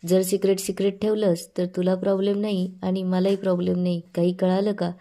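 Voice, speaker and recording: A secretive older man from a TV serial teases a young girl and warns her to keep quiet, as a woman narrator reads him. The delivery is sly and even, with a soft, dark tone. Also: medium pitch, brisk, lightly acted.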